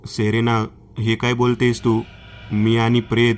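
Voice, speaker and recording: A man's voice: medium pitch, completely flat delivery, a little slow, natural voice. A man voicing a frightened young man trapped in a cave, panicked and pleading, in a horror story. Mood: alarmed.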